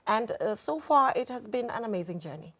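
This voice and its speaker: Lively woman TV host. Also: mid-range voice, a little fast. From the Gambia. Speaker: TV host and news reader. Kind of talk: conversational interview answers.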